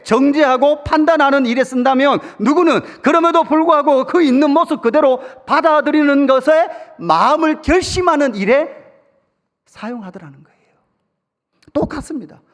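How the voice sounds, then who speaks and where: A male pastor preaches in a fairly high voice, drawing the congregation in with questions and humorous stories. His voice rings through a church sanctuary with a long reverb tail. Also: normal speed. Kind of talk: sermon.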